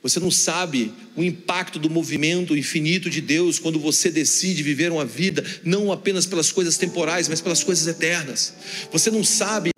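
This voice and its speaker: A Brazilian man with a fairly high voice, preaching in a large hall with a long echo. Soft instrumental music plays behind him as he tells a story and acts out each speaker's lines. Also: brisk. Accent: Brazilian Portuguese. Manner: animated storyteller, acts out dialogue. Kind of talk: sermon storytelling.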